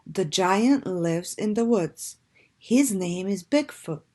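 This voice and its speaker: A woman with a mid-range voice reads a children's storybook in a deliberate, expressive manner, much as a teacher would for young listeners.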